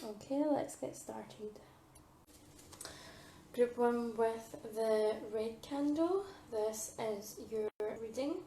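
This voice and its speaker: A woman who is a psychic medium giving a pick-a-card tarot reading, hesitant with many ums, losing her voice and clearing her throat. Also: a little high, very slow, warm tone, reverberant, a little hiss or hum.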